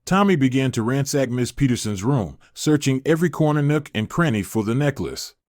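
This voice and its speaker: A man reading a story aloud as scripted narration, in an even, measured way. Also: mid-range voice, dry recording, studio quality.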